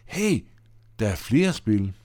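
A man reading aloud as a mischievous, playful boy. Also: on the low side. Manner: playful and excited. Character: mischievous boy who likes to tease.

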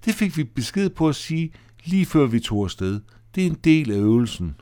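A man's voice: on the high side, no room sound, studio quality, voice pushed up. Man doing Betty, a teasing girl. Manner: teasing and calm. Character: teasing, self-assured older girl.

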